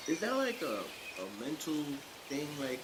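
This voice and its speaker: A man's voice: on the high side, wildly swooping pitch, a little slow. A man streaming in a casual, opinionated chat, talking in a slangy, emphatic way. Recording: loud noise and ambient sounds behind.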